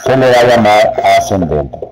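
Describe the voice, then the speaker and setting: A man teaching a spelling lesson to teachers, explaining slowly and speaking to them directly. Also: lowish voice, expressive, music in the background, low-quality recording. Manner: slow, deliberate, addresses teachers directly. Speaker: teacher trainer.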